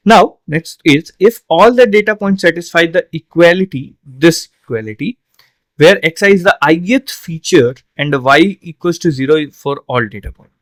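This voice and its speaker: A man's voice: a little high, dry recording. A man tutoring an exam solution, explaining step by step with frequent fillers and tag questions, a little tired. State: yawning, tired. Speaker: online tutor.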